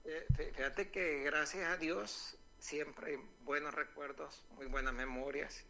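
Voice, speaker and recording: Over a noisy phone line, a male caller to a local radio program chats casually, sounding devout and nostalgic and using many fillers. His voice is on the high side and sharp, with vocal fry, fairly even intonation, and a slow pace.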